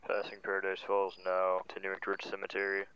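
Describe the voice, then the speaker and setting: A man calling out a vehicle pursuit over a police radio, giving clipped, steady location updates. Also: low-pitched, fast. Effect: police radio transmission. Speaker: police officer in a game roleplay. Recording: muffled lo-fi radio with hiss.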